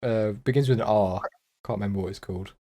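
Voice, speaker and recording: Relaxed young man, lowish voice. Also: fast. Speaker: podcast guest. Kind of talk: casual chat.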